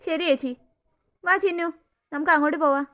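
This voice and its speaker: Woman voicing a soothing cartoon mother, high-pitched, patient and explaining. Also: steady tone, brisk, a bit bright. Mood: gentle. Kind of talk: cartoon voice acting.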